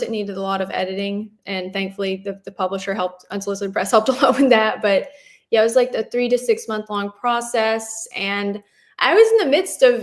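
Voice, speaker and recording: A woman author who reads from her novel and then answers interview questions in an earnest, reflective way. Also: mid-range voice.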